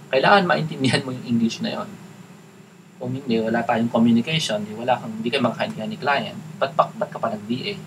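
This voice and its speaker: A man's voice: medium pitch, slight background noise, low-quality recording. A man with a Filipino accent teaching a home-based webinar in casual style, chatty and joking as he mixes Tagalog and English. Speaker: webinar host and virtual assistant trainer. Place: home office with a baby nearby.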